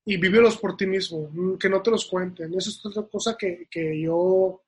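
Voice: medium pitch, normal speed, breathy edge. A podcast host with a Mexican Spanish accent, asking questions and urging listeners with enthusiasm. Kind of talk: casual interview.

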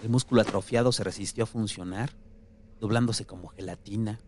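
A man narrating a story in a steady, measured reading voice. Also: on the low side, background noise. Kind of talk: audiobook narration.

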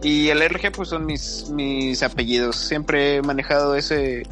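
A man's voice: fairly high pitch, fairly even intonation, measured pace, a bit bright, soft background music. A man from Mexico, co-hosting a casual gaming podcast with joking, crude banter. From Nuevo León, Mexico. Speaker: podcast co-host.

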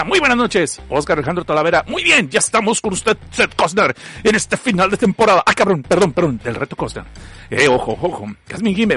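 A northern Mexican man hosts a livestream in a casual, joking way, reading chat messages aloud with plenty of slang. His voice sits fairly high for a man. A lingering cough stays with him throughout. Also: a bit bright, breathy edge. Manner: joking, slangy, laughs often. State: has a cough. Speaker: livestream host.

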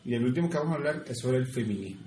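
A young man co-hosting a podcast, joking and swearing casually in quick bursts. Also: mid-range voice, lively intonation, mellow. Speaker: podcast co-host. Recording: echoey room with faint noise.

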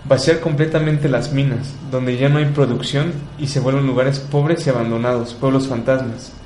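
A man's voice: mid-range voice, steady tone, normal speed, a little mellow, echoey room, a little hiss or hum, rough recording. A man giving earnest commentary, asking rhetorical questions and repeating words for emphasis. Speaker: radio host. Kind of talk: reflective commentary on environmental issues.

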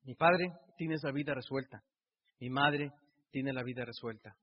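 A man's voice: mid-range voice, moderate pace, slightly rough. A middle-aged man with a Mexican Spanish accent giving an emotional motivational speech, piling up repeated rhetorical phrases. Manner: repetitive rhetorical build-ups. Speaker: motivational speaker. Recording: dull recording in a reverberant hall.

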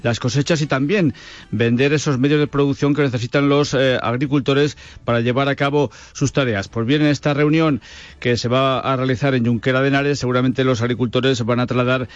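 A man reporting news for regional radio at a measured pace, pausing with hesitant fillers. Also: mid-range voice, fairly even intonation, no room sound. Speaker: radio correspondent. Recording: dull lo-fi radio line.

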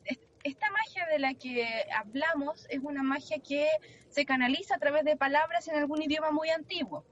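A woman's voice: sits high, normal speed. A woman, chatting casually as a podcast co-host about a book, laughing often and restarting her sentences. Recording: muffled lo-fi with faint noise.

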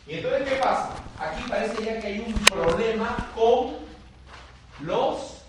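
Lively lecturing friar in an echoey classroom. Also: male voice, high-pitched, takes it slowly. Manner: lively, conversational, asks the class questions. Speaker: friar teaching a theology class. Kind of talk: classroom lecture reading and explaining scripture. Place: lecture room. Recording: very echoey room, far from mic, faint hiss.

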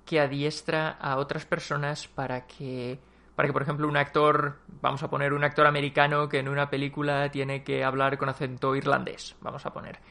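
Gravelly-voiced Spanish man reviewing a film. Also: medium pitch, completely flat delivery, fairly quick, sharp tone. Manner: rambling, many fillers and restarts. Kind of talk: casual spoken film review.

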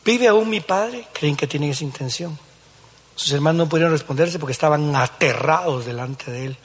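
Impassioned preacher in an echoey church. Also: male voice, fairly high pitch, steady tone, a little fast, slightly rough. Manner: dramatic, acts out Bible scenes, swings from hushed to shouting. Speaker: pastor. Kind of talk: sermon. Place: large church hall.

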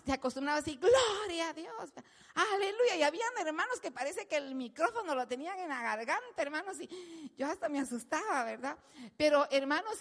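Woman preacher in church, high voice, animated sermon, reverby hall. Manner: animated, acts out quotes, addresses the congregation as "hermanos".

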